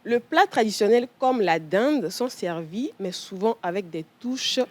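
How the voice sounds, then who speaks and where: Calm Togolese woman explaining on TV. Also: medium pitch, measured pace. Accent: Togolese French. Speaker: show columnist. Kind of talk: explaining a segment on a talk show. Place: TV studio.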